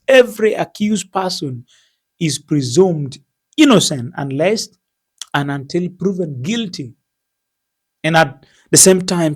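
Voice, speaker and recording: Male news commentator, slightly high pitch, husky tone, formal measured delivery, scripted explainer style. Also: a little mellow.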